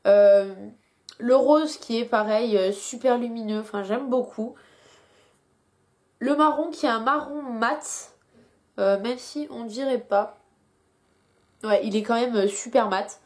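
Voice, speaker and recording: Slow and full of long pauses, a young beauty vlogger's fairly high, slightly mellow voice carries a casual product review. She hesitates often and is dealing with a headache.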